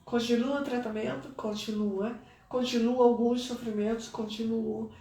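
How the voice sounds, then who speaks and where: As a guest in a live stream room, a middle-aged Brazilian woman speaks as the mother of a cancer patient, offering earnest, prayerful testimony with a Brazilian Portuguese accent. Her warm voice moves at a moderate pace with fairly even intonation, though the pitch climbs when emotion takes over; the distant mic gives a roomy sound.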